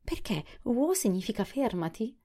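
A woman voicing a meek, newly living male wooden sawhorse in a storybook, asking puzzled questions in a raised, husky voice. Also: mid-range voice, expressive, brisk, warm tone, pitched above the performer's own voice. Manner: surprised, innocent questioning.

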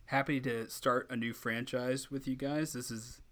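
A man's voice: mid-range voice, fairly even intonation, moderate pace, a bit bright. A man guesting on a podcast over a video call, chatting casually in a joking, self-deprecating way. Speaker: podcast guest, film editor.

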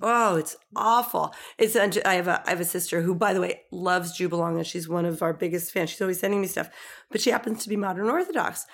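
Talking fairly quickly in a lowish voice, a middle-aged woman guest tells stories in relaxed conversation. She uses lots of "like" and acts out the voices of the people she's quoting.

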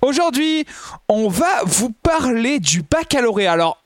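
A man's voice: very high-pitched, big pitch swings, measured pace, no echo, studio quality. A man hosting a casual comedic podcast, playful and jokey, rambling with fillers. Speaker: podcast host.

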